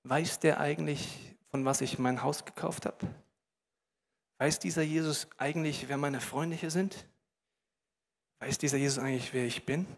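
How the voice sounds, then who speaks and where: A man's voice: fairly high pitch, fairly even intonation, normal speed, vocal fry, pauses often, voice pushed down. A man voicing a cocky, show-off rich tax collector who talks in slang, as part of a sermon. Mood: unsettled. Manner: slangy, swaggering.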